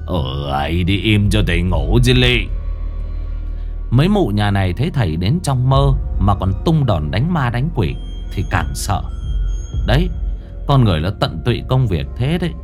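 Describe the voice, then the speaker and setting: Low, lively male ghost-story teller. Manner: lively, folksy, expressive.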